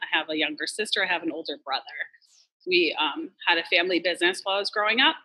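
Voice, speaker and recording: A woman's voice: fairly low pitch, quick pace, pushed and bright, breathy edge, low-quality recording. A woman from Massachusetts, a restaurant co-owner, talking candidly in a casual interview with lots of "like" and "you know". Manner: chatty, candid, fillers like "like" and "you know", swears.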